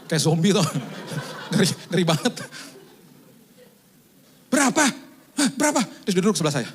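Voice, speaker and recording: A man's voice: a little high, quick pace. A middle-aged man, a pastor, giving a sermon with a personal story, acting out scenes with laughing asides.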